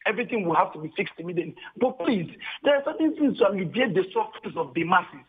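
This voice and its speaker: A man's voice: high-pitched, very animated, quick pace, breathy edge. A Nigerian man calling in over the phone. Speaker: radio caller. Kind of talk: call-in comment. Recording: tinny phone line.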